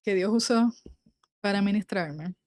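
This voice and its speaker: A woman's voice: mid-range voice, measured pace, darkish tone, no room sound. A young adult woman, leading a Bible study and reading scripture aloud before explaining it in a conversational way. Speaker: Bible teacher.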